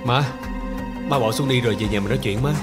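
A man's voice: medium pitch, quick pace, over loud music, natural voice. A young man playing a son in a TV drama, pleading urgently with his mother. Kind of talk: TV drama acting.

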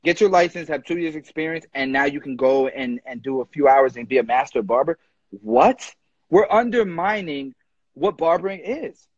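Passionate young man, husky phone voice. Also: fairly high pitch, expressive, no room sound, dull audio. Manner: passionate, emphatic, quick restarts. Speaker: barber educator, live stream host. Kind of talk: casual live chat. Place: indoor room with ceiling fan. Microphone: phone front camera at arm's length.

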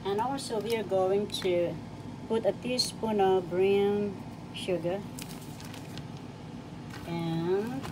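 A woman's voice: mid-range voice, steady tone, takes it slowly, long pauses. An older woman from the Philippines, cheerfully talking through a home cooking demonstration and listing each ingredient. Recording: home recording with audible background noise.

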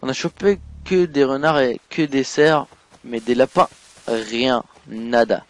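A man giving let's play commentary while playing a game, excitable, swinging from mumbled asides to loud outbursts. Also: medium pitch, unhurried, slight background noise. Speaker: gaming YouTuber.

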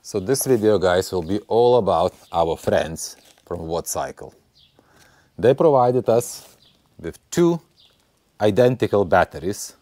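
A deep-voiced man vlogs outdoors on a stone barn patio while testing a battery, recorded on a clip-on lapel mic. After a scripted voice-over intro he shifts into casual on-camera chat, animated, unhurried and warm. He is friendly, calls viewers "guys," and uses non-native phrasing.

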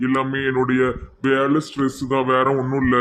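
A man's voice: medium pitch, monotone, moderate pace, fairly bright tone, slight background noise, natural voice. A man playing a grieving, stern middle-aged widowed father with a Tirunelveli Tamil accent, speaking earnestly. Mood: sad.

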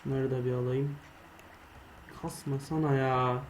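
A young man casually commenting on his own gameplay, muttering to himself and swearing or shouting when startled. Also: mid-range voice, little pitch movement, unhurried, rough recording. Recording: faint background noise.

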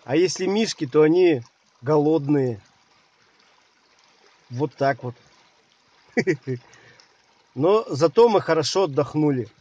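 A man's voice: fairly high pitch, lively intonation, takes it slowly, pauses often, a little mellow, lo-fi sound. Wry man vlogging outdoors at night. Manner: wry, self-mocking, laughing at his own bad luck. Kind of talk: casual vlog talk to camera.

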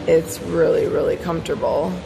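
A vlogger in her thirties chats casually into a phone held at arm's length beside a large, echoey indoor hotel pool. Her low, gravelly voice is steady at a normal speed, while the echoing hall adds loud ambient noise, background music and pool sounds.

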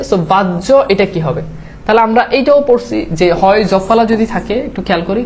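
A woman tutor at a middle pitch explains admission exam rules slide by slide, patiently and step by step. She drops English words into her talk and keeps asking her students whether they follow. A faint noise sits under the recording. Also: a little mellow. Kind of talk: online lecture over slides.

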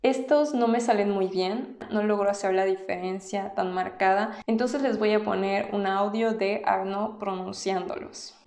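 A woman from Mexico with a Mexican Spanish accent, explaining in a casual vlog and demonstrating sounds slowly and patiently. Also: medium pitch, steady tone, gravelly, a little mellow. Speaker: language vlogger. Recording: roomy echo.

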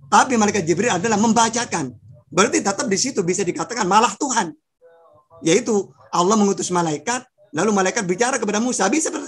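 A man's voice: sits high, fairly bright tone, breathy edge. A man arguing his side in an online religious debate, pressing his points with questions, heard through a video call.

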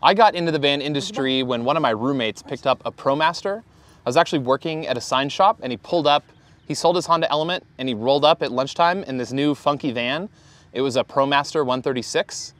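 Inside his camper van and outside next to it, a van company founder in his thirties chats casually to camera for an interview, with relaxed fillers. He has a medium-pitched, slightly bright voice, and the recording has no echo.

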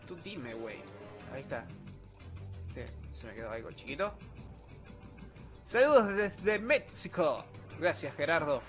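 A young man with an Argentine accent, live streaming a retro game in low spirits, joking in slang and reading chat aloud. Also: fairly bright tone. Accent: Argentine Spanish. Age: young adult. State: low-energy, subdued. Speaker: gaming streamer. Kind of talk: casual live stream commentary while gaming.

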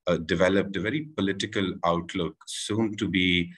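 A man in his forties from Pakistan, giving a measured panel talk over a video call, with many pauses and restarts. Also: deep voice, fairly even intonation, a bit bright, husky, low-quality recording. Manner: measured, with frequent filler "uh" and restarts. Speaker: panel speaker. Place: room at home with window. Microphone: video call, laptop camera.

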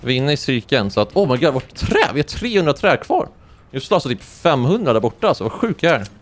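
Young male gaming streamer, excitable play-by-play, light background noise. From Sweden. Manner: excitable, swings into high-pitched yelps when surprised. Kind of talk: live gameplay commentary.

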